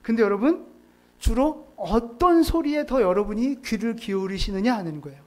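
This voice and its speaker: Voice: medium pitch, expressive, moderate pace, darkish tone. A pastor giving a sermon in a conversational way, often asking the congregation rhetorical questions. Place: church sanctuary.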